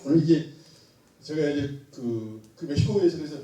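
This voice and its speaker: A middle-aged man, a pastor and missionary, preaching a lively sermon, joking and quizzing the congregation with call-and-response questions. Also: on the high side, normal speed. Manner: animated, joking, quizzes the congregation, laughs often. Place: church sanctuary. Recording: echoey room, mic at a distance.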